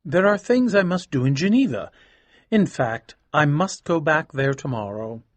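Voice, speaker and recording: A man voicing a reserved, polite young gentleman in an audiobook, speaking with restraint. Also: a little high, lively intonation, moderate pace, no room sound. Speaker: Winterbourne. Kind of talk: audiobook dialogue acting.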